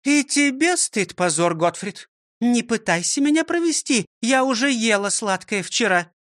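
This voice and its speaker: A strict elderly schoolteacher scolds and barks out commands in a high, lively voice that leaps up and down, put on by a storybook reader. She drills her old pupil without mercy and keeps every word clipped and dry. The recording is close and dry. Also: a little slow, dry recording. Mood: stern. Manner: scolding, commanding, counts out exercises. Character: strict elderly woman schoolteacher, stern and bossy. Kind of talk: audiobook reading.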